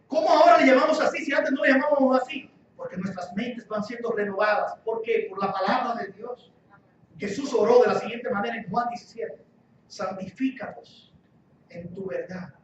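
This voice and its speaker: Preaching as a guest pastor, this high-voiced man drives his message home emphatically, circling back to key phrases and posing rhetorical questions. He's recorded from afar in an echoey church hall, so the sound is dull and muffled, with slight background noise.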